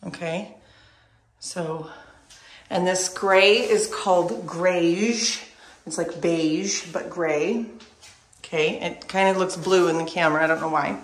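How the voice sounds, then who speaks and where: A tired woman chatting casually to camera as she shows rooms of her house under renovation. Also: on the low side. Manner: chatty, showing things to camera. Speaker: vlogger. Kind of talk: casual home renovation vlog.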